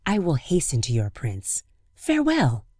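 A woman voicing the sun as a wise, kindly spirit in a fairy tale, giving calm, steady counsel. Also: low-pitched, a little slow, husky, no echo, clean studio sound, full character voice.

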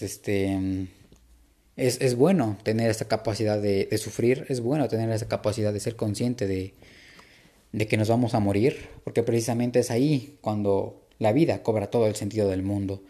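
A man giving an informal, reflective spoken lecture to the listener, unhurried, with frequent filler words and restarts. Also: on the low side, warm tone. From Latin America. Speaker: speaker giving a talk on psychology.

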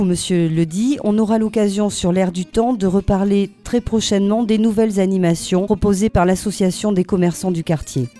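A woman's voice: mid-range voice, mellow. A woman hosting a radio chronicle from a studio, speaking in a polished way with some hesitant fillers. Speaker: radio host.

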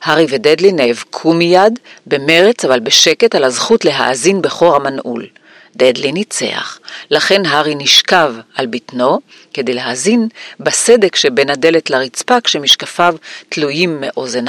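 A man's voice: a little high, lively intonation, fairly bright tone, dry recording. Man narrating an audiobook, dry and close.

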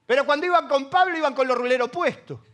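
Preaching fast in a very high, slightly bright voice, a middle-aged man with an Argentine Spanish accent fills his sermon with humor. He's a pastor who voices the characters in his stories himself.

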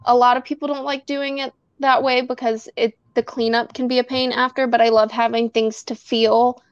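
Woman with a smooth, higher voice. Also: little pitch movement, normal speed, no room sound. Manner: rambling, explains with many fillers. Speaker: guest, bath box maker. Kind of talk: casual interview chat. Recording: dull lo-fi recording.

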